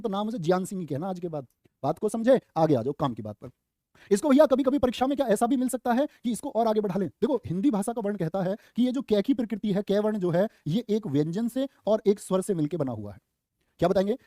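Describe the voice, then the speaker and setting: High-voiced Hindi exam-prep teacher, lively. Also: male voice, no echo, clean studio sound. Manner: lively, questions students and answers himself; playful asides and jokes.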